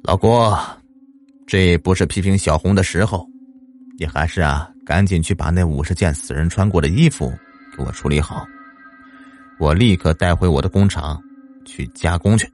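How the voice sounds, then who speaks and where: A man voicing a greedy, pot-bellied middle-aged factory boss who talks gruffly in an audio story. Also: low-pitched, normal speed, darkish tone, soft background music, close to an everyday voice. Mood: scheming.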